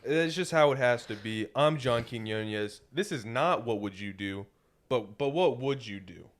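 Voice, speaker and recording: A man's voice: medium pitch, lively intonation, unhurried. A young man hosting a casual comedy podcast, joking, laughing often and slipping into mock announcer bits. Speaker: podcast host.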